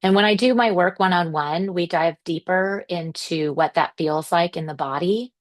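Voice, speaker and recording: Woman, slightly low pitch, gentle and reassuring, measured parenting workshop presenter.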